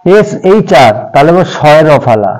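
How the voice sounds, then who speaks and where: A man's voice: a little high, very animated, normal speed, a little mellow, poor audio. A man teaching an English pronunciation lesson, patiently repeating examples and speaking to viewers as friends.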